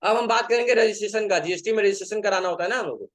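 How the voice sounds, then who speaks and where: High-voiced man teaching a class. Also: rapid-fire. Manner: asks students questions and answers them himself. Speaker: computer teacher. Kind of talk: classroom lecture.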